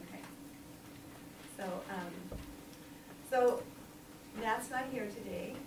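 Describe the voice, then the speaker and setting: A woman in her sixties, a lay preacher, gives an informal sermon in a small church at an extremely slow pace with a medium-pitched voice. She's chatty, laughs often, and says "um" a lot. The recording is noisy and echoey, with the mic set far away.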